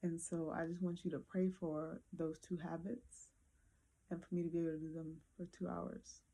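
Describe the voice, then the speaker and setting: A woman talking casually to her viewers late at night before bed, thinking aloud with many pauses and fillers. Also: fairly low pitch, vocal fry, dark tone, breathy edge. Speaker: vlogger.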